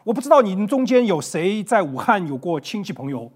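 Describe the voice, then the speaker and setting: A man's voice: high voice, big pitch swings, a little fast, husky. A man preaching an online Sunday sermon to a camera, earnest and conversational, stumbling over words at times. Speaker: pastor. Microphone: facing a camera.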